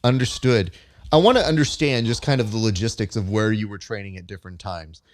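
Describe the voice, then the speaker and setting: A man's voice: fairly low pitch, fairly quick. A man hosting an interview, asking questions in a chatty, joking way. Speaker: podcast host, interviewer. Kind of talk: conversational interview.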